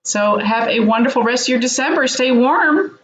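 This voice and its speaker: A woman's voice: a little high, fairly even intonation, fast talker, a little hiss or hum, low-quality recording. A woman hosting a webinar, thanking the presenters with small stumbles over a video call. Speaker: webinar host. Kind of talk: closing remarks.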